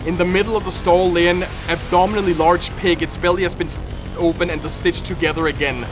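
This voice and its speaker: A high-voiced man reacts live to horror videos, dramatically reading on-screen text and repeating the same phrases again and again. He talks fast with fairly flat intonation. Music is clearly audible behind him, and the audio quality is poor.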